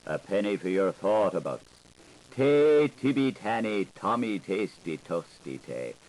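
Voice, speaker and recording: On a hissy 1980s audiobook tape, a man reads a literary work as dramatic scripted narration, theatrical and playful with shifting emphasis. His voice is on the low side, sing-song, unhurried and a little mellow, and the recording is rough.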